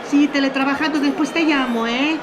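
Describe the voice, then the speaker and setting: A woman's voice: sits high, fairly even intonation, a little fast, background noise. A woman in a comedy sketch, playing a doting mother who fusses over her son and grows indignant on his behalf. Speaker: comic actress playing an indulgent modern mother.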